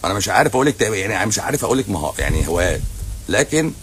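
Low-voiced sarcastic Egyptian man, fast. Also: very animated, fairly bright tone, slight background noise. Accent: Egyptian Arabic. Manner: sarcastic, teasing, blunt and repetitive. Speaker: doctor answering viewer questions on a livestream. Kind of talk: casual livestream Q&A. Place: hotel lobby at night.

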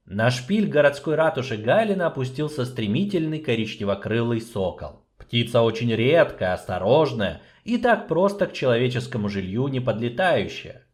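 A man reading a fantasy novel aloud in a measured storytelling way. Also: medium pitch, big pitch swings. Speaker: audiobook narrator. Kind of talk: scripted narration.

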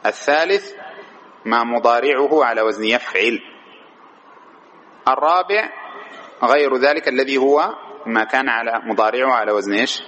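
A man gives a grammar lesson in a mid-pitched voice, often putting a question to his students and repeating their answers. He stretches key words as he explains. A faint noise hums behind him. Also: fairly bright tone. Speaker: teacher of Arabic morphology. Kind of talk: classroom lecture with questions to students.

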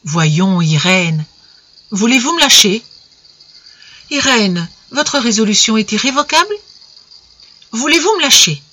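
A woman's voice: a little high, very animated, unhurried, pauses often, sharp tone, husky, no room sound, full character voice. A woman doing a cautious, reasoning male lover. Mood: pleading. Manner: earnest, reasoning.

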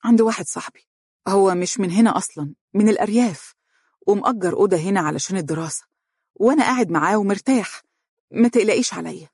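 A woman reading a story, voicing a caring young man who speaks with an Egyptian accent in a quick, reassuring way. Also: on the low side, darkish tone, breathy edge, no room sound, studio quality.

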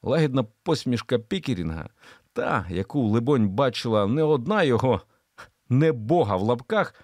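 A man narrating a thriller audiobook in an expressive storytelling delivery. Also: medium pitch, normal speed, no room sound, clean studio sound.

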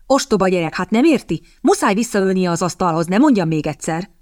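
A woman's voice: medium pitch, big pitch swings, clear, resonant tone, no echo, studio quality, lightly acted. A woman doing a smug, drawling lord. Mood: snapping. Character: haughty scheming lord, smooth and smug.

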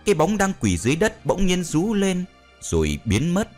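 A man's voice: wildly swooping pitch, moderate pace, darkish tone. A man narrating a ghost story in a dramatic way, with faint music behind. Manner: dramatic, swinging pitch.

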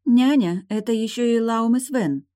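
A woman reading an audiobook, voicing a stubborn, sharp-tongued young woman who talks in firm, clipped phrases. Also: fairly high pitch, normal speed, no echo, studio quality, voice pushed up, close to an everyday voice. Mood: questioning.

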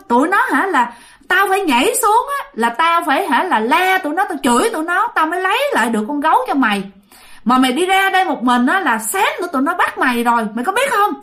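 A woman voicing a tall young village man who scolds a lost child with rapid-fire questions, speaking in a Southern Vietnamese accent. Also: extremely high pitch, a bit bright, pitched above the performer's own voice.

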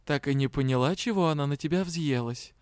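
A man's voice: fairly high pitch, a little fast, smooth, dry recording, studio quality, lightly acted. A man reading an audiobook, voicing a smug, lazy male cat spirit who talks in a languid, self-satisfied way.

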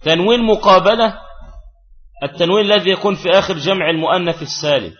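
A man's voice: high voice, fast talker, soft background music. Man teaching grammar, lo-fi recording. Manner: repeats key phrases, asks students rhetorical questions. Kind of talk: classical Arabic grammar lesson.

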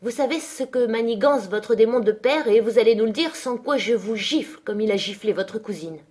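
Blunt, scornful housekeeper, loud and emphatic, put on by a woman narrator. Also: medium pitch, normal speed, husky, lightly acted. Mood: threatening. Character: indignant older housekeeper, blunt and scolding.

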